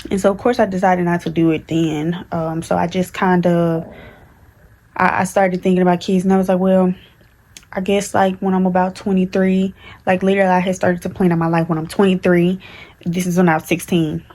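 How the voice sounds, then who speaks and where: A woman in her early twenties with talks candidly in a rambling vlog chat, full of fillers and restarts. Her voice sits low and stays fairly flat in pitch throughout. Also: fairly quick. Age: 20s. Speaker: vlogger. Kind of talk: casual chat to camera.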